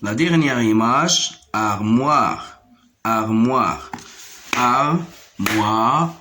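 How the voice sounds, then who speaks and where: A man leads a French lesson for children at a very slow, deliberate pace. His voice sits a little low, and he repeats every word carefully before counting its syllables. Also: expressive, a bit bright. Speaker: primary school French teacher. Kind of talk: slow classroom reading lesson.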